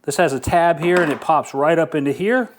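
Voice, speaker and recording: With slight background noise, a man with a somewhat higher-pitched voice gives a casual product review during an unboxing. He speaks fairly quickly in an informal, easygoing manner, thinking aloud as he goes.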